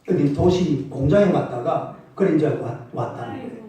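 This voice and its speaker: A man's voice: on the high side, moderate pace. A man preaching a sermon as pastor, telling stories vividly and calling out to the congregation. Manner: animated storytelling, calls out for congregation replies. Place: church sanctuary. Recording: echoey church hall from a distance.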